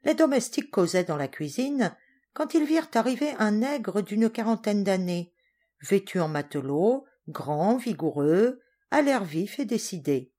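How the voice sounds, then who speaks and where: A woman reading a classic children's story aloud as an audiobook narrator, clear and measured. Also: medium pitch, animated, dark tone. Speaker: volunteer audiobook reader.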